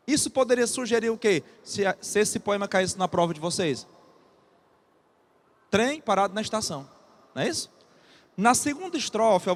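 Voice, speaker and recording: A Brazilian man teaching an exam-prep literature class, reading a poem aloud and then explaining it with frequent checks to the students. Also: high voice. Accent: Brazilian Portuguese. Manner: repeats key terms slowly for students to note.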